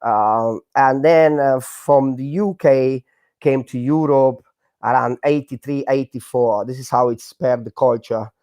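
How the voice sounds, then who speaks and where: A man in his forties from Hungary with a Hungarian accent, telling his story in a casual interview with many fillers and halting non-native grammar. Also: mid-range voice, a little mellow, dry recording. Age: 40s. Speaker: guest, breakdancer.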